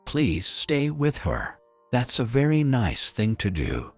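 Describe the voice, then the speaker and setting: A man playing a sarcastic business manager who speaks with mock gentleness in a storybook narration. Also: medium pitch, lively intonation, moderate pace, faint music behind, lightly acted. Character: sarcastic male business manager, coldly polite.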